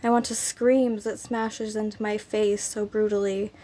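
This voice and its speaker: Hosting her poetry channel, a woman reads her own poems in a sick, raspy voice, taking her time and saying "um" often. Her pitch is medium and her tone level and mellow.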